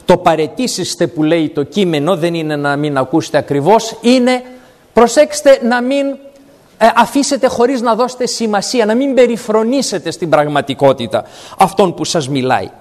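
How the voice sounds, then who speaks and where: A man's voice: high-pitched, a little mellow, long reverb tail. A man preaching a sermon, quoting scripture and explaining it verse by verse. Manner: expository, quotes scripture and explains it. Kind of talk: sermon with Bible exposition.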